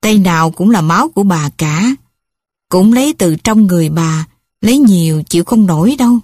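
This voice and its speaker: A woman's voice: lowish voice, expressive, normal speed, a little mellow, slightly rough, dry recording, clean studio sound. A woman voicing a brusque, impatient male clinic clerk in an audiobook story, speaking curtly. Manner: curt, impatient.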